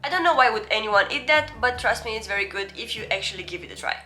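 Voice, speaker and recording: A woman's voice: a little high, animated, bright, forceful tone, soft background music. A young woman from Romania with a Romanian accent gives a casual, chatty, self-deprecating language lesson, sounding out foreign words as examples. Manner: reads out foreign words slowly as examples between explanations. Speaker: video host.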